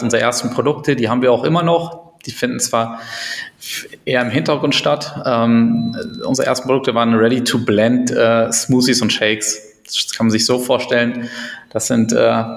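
Gravelly man in an echoey room. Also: medium pitch. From Berlin, Germany. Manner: hesitant, many fillers. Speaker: co-founder guest. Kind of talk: casual interview talk. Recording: echoey room with long reverb.

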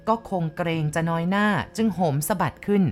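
A woman reading a ghost story aloud in the first person, with measured, vivid descriptive narration. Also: mid-range voice.

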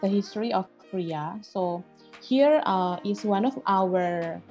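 A woman speaks over a video call, presenting slides to an online audience. Her voice sits in a middle pitch, and she walks through each point plainly, opening most sentences with "so". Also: unhurried, dark tone, soft background music. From Indonesia. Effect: heard over a video call. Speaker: learning coach presenting at an online event.

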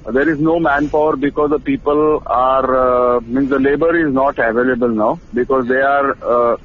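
A man in an informal phone consultation, halting as he searches for words. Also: mid-range voice, steady tone, slightly rough. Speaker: field relief worker. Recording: tinny phone line with noise.

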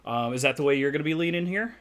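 A man hosting a casual podcast chat, often restarting words and filling pauses with uh, laughing easily. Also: fairly high pitch, animated, fairly bright tone. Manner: stammering restarts, frequent uh fillers, laughs easily. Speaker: podcast host.

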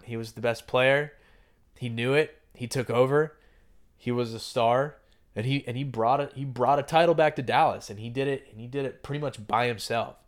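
A man hosting a podcast, talking basketball in a casual, opinionated way and often restarting his sentences. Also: medium pitch. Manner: conversational, opinionated, frequent restarts. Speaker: podcast host.

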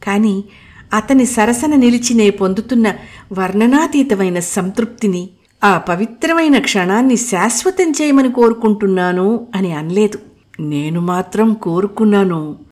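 A woman narrating a first-person story in an expressive reading. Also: mid-range voice, unhurried. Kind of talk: audiobook narration.

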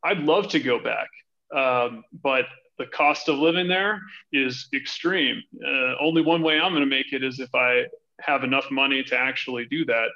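A financial advisory director in his thirties from Hawaii, United States, speaks with an American accent while answering a podcast interviewer conversationally. His medium-pitched voice is pushed and bright at a moderate pace, with lo-fi sound.

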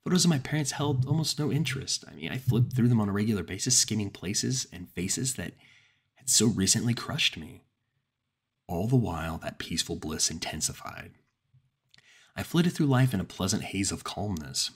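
A man with a low, husky voice reads a first-person horror story aloud. His telling is measured and dramatic, pacing the creepy moments with care. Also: expressive. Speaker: narrator. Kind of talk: scripted horror story narration.

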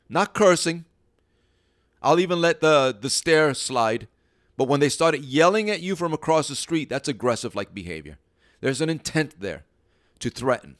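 A man's voice: on the high side, no echo. Guy dog trainer explaining stuff, chatty, restarts a lot, dry close sound. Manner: conversational, teaches through stories, frequent restarts. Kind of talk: informal teaching talk.

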